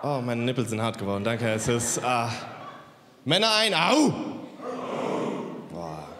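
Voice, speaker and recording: A man's voice: medium pitch, sing-song, unhurried, background noise. A man in his thirties doing stand-up on a big indoor stage with a handheld mic, teasing the crowd in a cocky way. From Germany. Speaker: stand-up comedian. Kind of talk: stand-up comedy. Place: large indoor stage with audience. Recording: roomy hall with long reverb, faint ambience.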